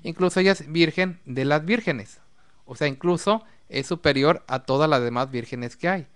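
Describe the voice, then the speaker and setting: A man's voice: on the high side, moderate pace, clear, resonant tone. A man co-hosting a religious talk program, explaining at length with long lists and rhetorical questions. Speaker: co-host of a religious discussion program. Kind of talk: casual religious discussion.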